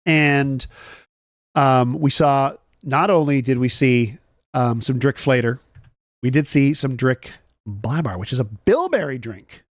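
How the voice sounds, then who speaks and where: A young man hosts a relaxed morning stream with live chat, wandering slowly from one story to the next and tossing jokey asides to his viewers. His voice is middle-pitched, and the recording is close and dry with no room sound.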